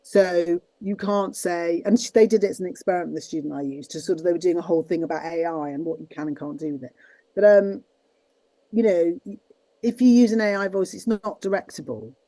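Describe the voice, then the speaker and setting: A voice actress talking casually in an interview over a video call, rambling with many restarts. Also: female voice, fairly low pitch, fairly quick, warm tone, dry recording, low-quality recording. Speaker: voice actress and guest; teaches students. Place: at her desk.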